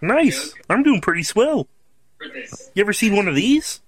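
A young woman chatting with a stranger, her voice wobbling and warbling as the video-call audio glitches. She sounds chirpy and friendly, and her pitch swings up and down a lot. A faint hiss sits under the compressed sound. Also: sing-song, unhurried. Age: young adult. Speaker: stranger on a random video chat. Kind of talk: casual video chat small talk. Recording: compressed video-chat clip replayed over a screen share, faint hiss.

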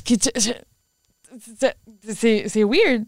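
A woman's voice: on the high side, animated, takes it slowly, dry recording, clean studio sound. A woman with a Québécois French accent, co-hosting a podcast and telling a story in casual chat, mixing English words into her French. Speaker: podcast co-host.

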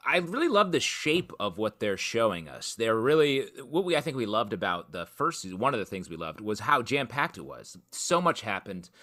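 A man's voice: mid-range voice, very animated, normal speed, few pauses, pushed and bright. A man on a casual panel chat, jokey, riffing and tossing off silly put-on voices. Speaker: podcast panelist.

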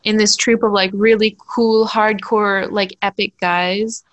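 A woman's voice: medium pitch, flat delivery, unhurried, a bit bright. A young woman hosting a podcast in casual chat, talking loosely with lots of fillers and frequent laughter. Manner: chatty, laughs often, many "like" fillers. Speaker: podcast host.

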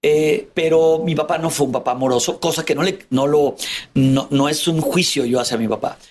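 A man's voice: fairly high pitch, normal speed, slight background noise. A middle-aged Mexican man candidly telling his childhood story as an interview guest, vividly acting out how his family talked. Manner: animated, acts out family members' voices, calls host "amigo".

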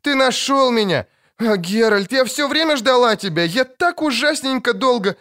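Male narrator as a thin little girl: shrill, excited, clinging, very high. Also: normal speed. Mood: ecstatic.

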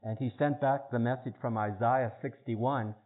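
Heard through a tinny line that resembles a phone call, a man argues a religious point earnestly and casually. His mid-range voice keeps a fairly even intonation at normal speed, emphasizing key words and repeating himself a lot.

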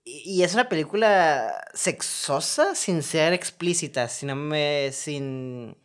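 A man with a Mexican Spanish accent chatting about movies on a podcast, crude and joking, telling his stories in an animated way. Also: a little high, slow pace. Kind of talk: casual film discussion.

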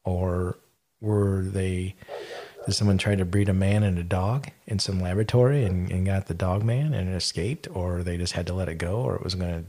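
A man's voice: low voice, normal speed, mellow. A man hosting a podcast, casually retelling eyewitness stories in a rambling way, with lots of fillers and restarts. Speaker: podcast host.

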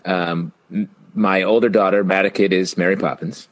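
A man's voice: low-pitched, fairly even intonation, normal speed. A middle-aged man chatting and joking casually as a panelist on a show.

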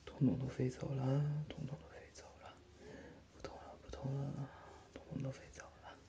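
A man voicing a gentle, doting older brother who comforts and teases softly in a whispered role-play. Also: medium pitch, completely flat delivery, normal speed, vocal fry, lo-fi sound, close to an everyday voice. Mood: soothing. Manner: soft, soothing, coaxing, lightly teasing. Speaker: older brother tending a sister's wound.

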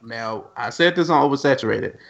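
A man co-hosting a casual podcast chat, blunt and animated, laughing often and swearing freely. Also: medium pitch, fairly quick, vocal fry, lo-fi sound. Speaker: podcast co-host.

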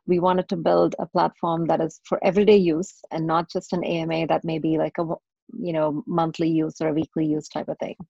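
A woman from India, a tech entrepreneur, answering interview questions in a measured, explanatory way. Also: fairly low pitch, creaky, mellow, no room sound, muffled recording.

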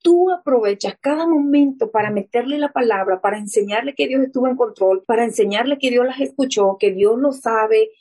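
Earnest woman, warm mellow voice. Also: on the high side, a little fast, hardly any pauses, low-quality recording. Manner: earnest storyteller, acting out quoted voices.

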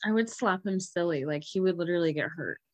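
A woman's voice: on the low side, quick pace. A woman co-hosting a podcast in casual chat, giggly and gossipy, calling herself petty. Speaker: podcast co-host.

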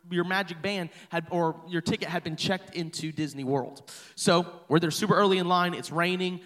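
A man's voice: a little high, fairly bright tone. A man in his thirties, a pastor, telling a personal story in a chatty, playful sermon to his congregation. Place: church hall.

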